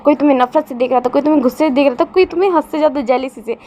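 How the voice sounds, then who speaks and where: A man's voice: very high voice, racing, warm tone, a little hiss or hum. A woman voicing a teasing, cold-faced young man who mocks others in amusement. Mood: amused.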